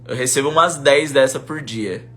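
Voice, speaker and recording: A young Brazilian man, an English teacher, chatting casually on a live stream, reading out viewer comments in a relaxed, slangy way. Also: medium pitch, normal speed, a little hiss or hum. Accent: Brazilian Portuguese. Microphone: phone.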